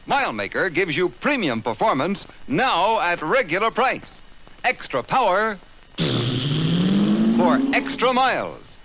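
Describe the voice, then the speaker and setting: A man announcing a vintage radio commercial in a bright salesman's delivery, heard as an old recording. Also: high voice, very animated, slow pace, creaky, background noise.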